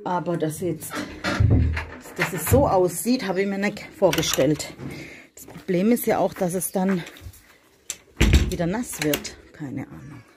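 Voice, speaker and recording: A woman with a fairly low voice talks casually as she walks through her animal shed with a handheld camera. She chats to the viewer and slips into soft coos for the animals. Faint noise hums behind her. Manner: chatty, talks softly to animals. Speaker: vlogger. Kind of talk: casual vlog narration.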